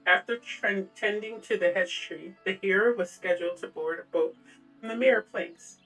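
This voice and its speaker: Lady reading a chill game quest-giver, bright voice, kinda off-mic, music under. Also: medium pitch, distant mic, low-quality recording. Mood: calm. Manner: even, measured reading of quest text. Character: calm quest-giving townsperson in a game. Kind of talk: game voice acting.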